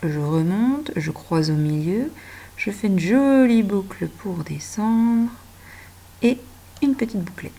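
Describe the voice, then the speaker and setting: A woman teacher gently guiding a child through handwriting and reading, speaking directly to them and stretching words out. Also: mid-range voice, lively intonation, slow pace, gravelly. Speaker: primary school teacher.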